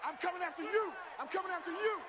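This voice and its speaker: A man's voice: very high voice, fairly even intonation, moderate pace, dull audio, over a noisy crowd. A man voicing a football player in a sports video game, barking short repeated calls on the field. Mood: shouting. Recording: distant, under loud game music.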